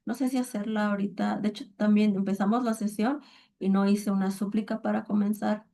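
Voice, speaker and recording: A woman's voice: medium pitch, little pitch movement, brisk, vocal fry, warm tone. Woman teaching an informal online class, hesitant and chatty, keeps asking if listeners follow. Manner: hesitant, thinking aloud, keeps checking with listeners. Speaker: Quran and Arabic teacher. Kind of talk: casual online lesson.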